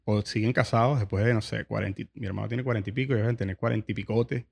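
A man's voice: on the low side, fairly even intonation, racing, gravelly, a little mellow, slightly rough. A man hosting a casual podcast interview, often repeating words as he searches for what to say. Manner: hesitant, repeats words while searching for them. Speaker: podcast host.

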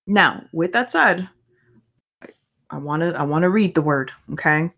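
A native Spanish speaker hosts her own faith podcast, delivering an earnest, conversational monologue in which she often poses questions to herself. Her low voice is animated, a bit bright, and a little slow.

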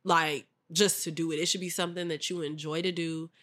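A woman's voice: deep voice, a little fast. A young woman co-hosting a podcast, chatting casually in slang and giving thoughtful advice. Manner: relaxed, slangy, reflective when giving advice. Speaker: podcast co-host.

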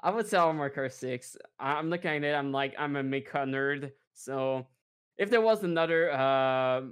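A man's voice: on the high side, normal speed, a bit bright, clean tone. A man co-hosting a casual podcast chat, laughing often and searching for his words as he talks. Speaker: podcast co-host.

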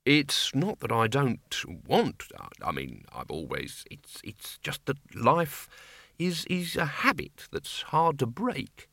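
A man's voice: medium pitch, big pitch swings, takes it slowly, creaky, bright, forceful tone, no room sound, pitched above the performer's own voice, full character voice. A man voicing an old, fawning male servant who talks nervously, pleading and stammering in an audiobook reading. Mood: anxious.

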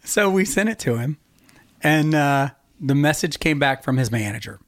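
A man's voice: on the high side, animated, normal speed, no room sound, clean studio sound. A man co-hosting a podcast in casual chat, rambling and laughing often. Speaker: podcast co-host.

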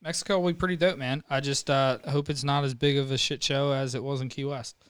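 A man's voice: medium pitch, steady tone, quick pace, smooth, no echo, studio quality. A young man co-hosting a podcast in casual chat, teasing his friend and telling stories playfully. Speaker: podcast co-host.

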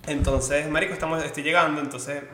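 Venezuelan guy hosting a podcast, rambly and slangy, talks real fast. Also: on the high side, steady tone, sharp tone, a little hiss or hum. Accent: Venezuelan Spanish. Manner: slangy, rambling, many fillers. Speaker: podcast host. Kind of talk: casual chat. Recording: roomy echo.

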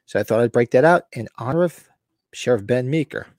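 Talking a little quickly in a medium-pitched, slightly mellow voice, this podcast co-host keeps his intonation lively. He rambles upbeat about horror collectibles on a casual show, clearing his throat, his voice scratchy and fading. The sound is clean studio audio with no echo.

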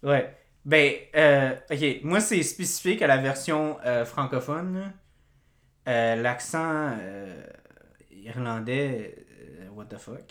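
Animated Québécois woman in an echoey room. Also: rumbling low, slow. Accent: Québécois French. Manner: animated, swearing, frequent fillers and loud laughs. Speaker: podcast co-host. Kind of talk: casual chat.

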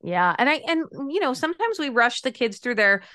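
A woman's voice: fairly high pitch, a little fast, no room sound. Dry-sounding woman giving earnest advice. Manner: earnest, animated advice-giving with acted quotes. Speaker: podcast guest, life coach. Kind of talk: casual podcast interview.

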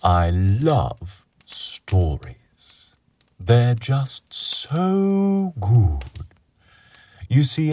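Man voicing a friendly dragon, deep voice, very slow, sing-song, soothing. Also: heavily acted. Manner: soothing, slow, guided-imagery calm. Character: gentle friendly male dragon storyteller. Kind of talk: children's relaxation storytelling.

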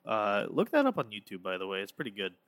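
A man's voice: on the low side, wildly swooping pitch, fast talker, a bit bright, dry recording. A man casually chatting as co-host of a podcast, laid-back and rambling, laughing often. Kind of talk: casual chat.

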